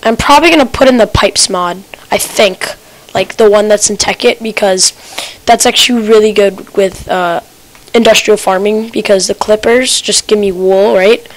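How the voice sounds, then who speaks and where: A woman's voice: medium pitch, moderate pace, rough recording. Rambling woman giving casual gameplay commentary. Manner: rambling, self-talking, with restarts and stutters. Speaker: gamer. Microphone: desk computer mic picking up keyboard clicks.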